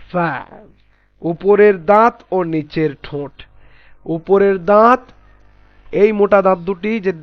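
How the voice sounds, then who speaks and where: A man teaching Quran letter pronunciation in a class, patiently spelling out sounds slowly and repeating them. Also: sits high, no echo, highs cut off.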